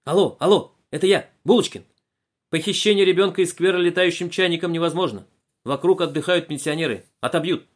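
A man voicing Bulochkin, a zealous middle-aged male detective in a storybook, speaking in a loud, eager reporting tone. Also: fairly high pitch, a little fast, pitched above the performer's own voice, lightly acted.

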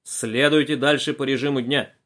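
A man voicing Kolobok, a bun-shaped male detective in a storybook, musing slowly over his deductions. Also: medium pitch, fairly even intonation, fairly bright tone, close to an everyday voice.

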